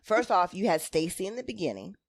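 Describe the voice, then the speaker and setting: A woman talks through an opinionated recap like a co-host who pulls no punches. Her delivery is blunt and emphatic, with plenty of sass and a highly animated pitch. The sound is dry, without room echo. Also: a little fast. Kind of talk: casual opinionated recap chat.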